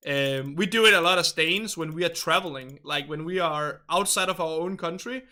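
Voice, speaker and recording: A Danish-accented man hosts a casual game stream, chatting loosely with his viewers, often hunting for the right English word and laughing along the way. His voice sits a little high with a sharp, bright edge. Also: moderate pace. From northern Denmark. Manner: chatty and rambling, laughs often, searches for words. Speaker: livestream host reading viewer chat. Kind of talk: casual livestream chat.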